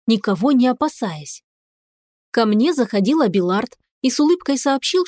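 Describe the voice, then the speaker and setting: A woman reading a first-person audiobook narration in a lively, expressive way. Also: fairly high pitch, no room sound, studio quality.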